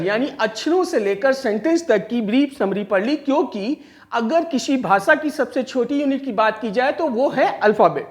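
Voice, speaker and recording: A man teaching a grammar lesson. He explains step by step, asks his own questions and answers them, and stretches out key terms. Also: extremely high pitch. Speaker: English teacher.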